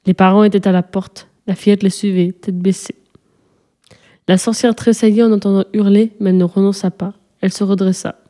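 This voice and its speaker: A woman calmly narrating a fairy tale as a storyteller. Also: mid-range voice, fairly quick.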